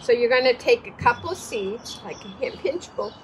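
With a fairly high, animated voice and a fairly quick pace, a woman in her sixties who hosts children's storytime shows little ones how to garden. She encourages them with praise and simple directions while sitting at an outdoor table in the wind, as birds and breezy noise carry on around her.

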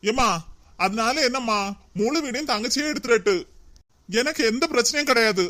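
A woman voicing a soft-hearted young husband in a cartoon, placating his family in a Kanyakumari Tamil accent. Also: a little high, normal speed, close to an everyday voice. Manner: pleading, placating.

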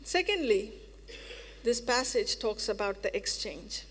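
A woman's voice: fairly high pitch, lively intonation, unhurried, fairly bright tone, breathy edge. A woman preacher giving a sermon in an earnest, reassuring way, repeating phrases for emphasis. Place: church hall. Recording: reverberant church hall.

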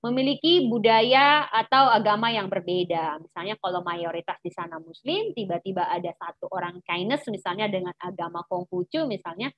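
A woman's voice: on the high side, no room sound, lo-fi sound. A woman teacher giving a chatty informal lesson to teens, full of fillers and acted-out taunts. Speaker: teacher giving an anti-bullying talk.

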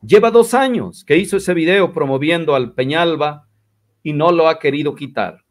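A man's voice: fairly high pitch, normal speed. Combative man. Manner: combative, mocking, quotes others in exaggerated voices. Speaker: commentator replying to critics. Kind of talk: religious commentary video.

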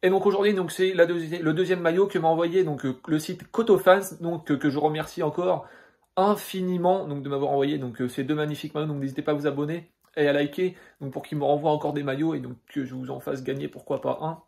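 A man's voice: fairly high pitch, steady tone, quick pace, creaky, a little mellow. A young man with a French accent reviewing a football jersey in a casual vlog, rambling and filling nearly every phrase with hesitations. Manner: rambling, fills every phrase with "donc" and "euh".

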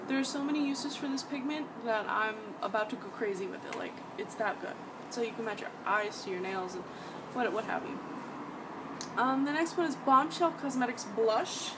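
A woman in her twenties reviewing beauty products in her bedroom, talking chattily and with enthusiasm, with frequent ums and restarts. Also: fairly high pitch. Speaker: beauty vlogger. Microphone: webcam at desk distance. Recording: distant mic, loud background noise.

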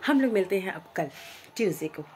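A woman's voice: medium pitch, animated, fairly quick, a little mellow, a little hiss or hum. A woman in her thirties chatting casually to her viewers as she narrates her day for a vlog. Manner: chatty, addresses viewers directly. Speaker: vlogger.

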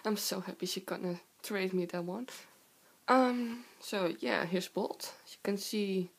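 A young woman with a hoarse, sore-throat voice from a cold, chatting casually in a halting, giggly way as she hosts a show-and-tell vlog. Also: lowish voice. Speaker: video host. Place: indoor room with wooden floor. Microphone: handheld camera close by.

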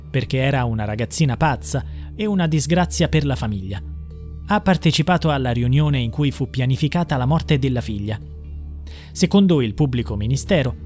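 A man narrating a true crime case in a scripted, measured and even reading. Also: medium pitch.

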